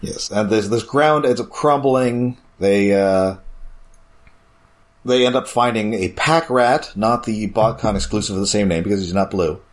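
A man co-hosting a podcast, recapping an episode in casual chat with dry, deadpan jokes. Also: lowish voice, a little slow. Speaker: podcast co-host.

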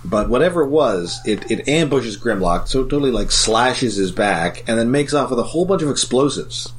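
A man co-hosting a podcast, recapping a cartoon episode in a relaxed way with fillers and restarts. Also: mid-range voice, fairly quick, slight background noise, poor audio. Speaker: podcast co-host.

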